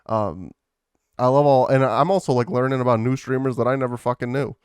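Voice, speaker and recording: A man's voice: medium pitch, brisk, clear, resonant tone, no echo, clean studio sound. A man co-hosting a podcast, chatting casually and rambling with lots of fillers and swearing. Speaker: podcast co-host. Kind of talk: casual chat.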